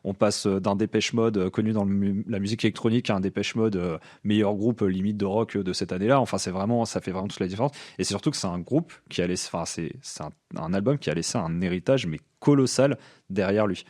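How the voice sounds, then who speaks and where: A man's voice: fairly low pitch, fast, a little mellow. A man co-hosting a podcast, talking casually and with enthusiasm, with frequent fillers and restarts. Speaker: podcast co-host. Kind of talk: casual music chat.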